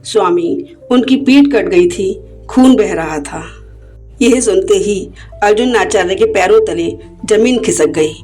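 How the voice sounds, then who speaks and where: A woman's voice: mid-range voice, a little mellow. Emotive female devotional storyteller.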